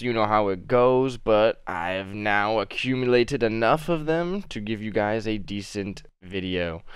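A man's voice: on the low side, a bit bright, clear, resonant tone, no room sound. A young man hosting his gaming channel, narrating a clip montage in a laid-back, slangy way with casual swearing. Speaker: gaming YouTuber host. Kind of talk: casual video intro narration.

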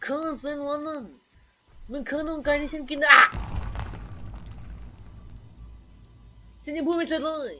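A man's voice: extremely high pitch, little pitch movement, fast talker, bright, forceful tone, slight background noise, exaggerated voice. A man voicing a goofy bloodthirsty dinosaur. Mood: boastful threats. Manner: playful threats in a goofy put-on voice. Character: hungry, bloodthirsty dinosaur, silly and boastful.

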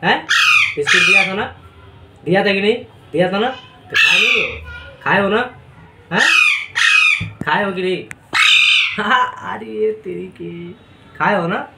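A man's voice: sits high, measured pace, creaky, pauses often, recorded from a distance, very noisy. A man casually talking to his pet birds, coaxing and teasing them with the same questions over and over. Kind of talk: casual talk to pets. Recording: roomy, from off mic, loud bird squawks behind. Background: parrots squawking.

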